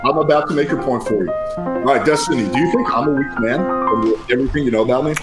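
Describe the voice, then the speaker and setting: A man with a medium-pitched voice moderates a debate in an echoey space. He is assertive, stepping in to steer things and make his points. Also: fast talker, loud music behind the voice. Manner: assertive, interjecting. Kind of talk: casual debate. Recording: echoey room sound.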